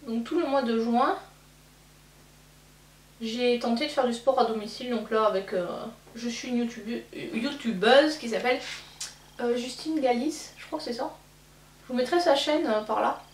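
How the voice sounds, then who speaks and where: A woman's voice: fairly high pitch, moderate pace, pauses often. Chatty woman vlogger in an echoey room. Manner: chatty, rambling, many fillers and restarts. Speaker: beauty vlogger. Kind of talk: casual get-ready-with-me chat. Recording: echoey room, mic at a distance, faint hum.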